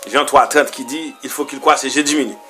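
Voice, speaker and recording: A man preaching as a pastor, reading verses aloud and explaining them in loose, halting phrases. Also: mid-range voice, fairly even intonation, music in the background. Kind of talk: sermon reading and explaining scripture.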